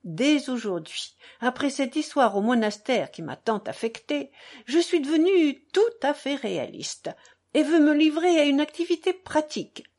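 A woman's voice: animated, normal speed, a little mellow. A woman voicing a gushing, bossy society lady. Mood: triumphant. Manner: high, breathless, talks over others. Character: gushing, domineering society lady, middle-aged.

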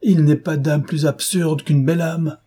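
A man doing a gruff exasperated nobleman. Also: on the high side, fairly even intonation, a little slow, warm tone, pitched above the performer's own voice. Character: grumpy baffled nobleman, quick to anger.

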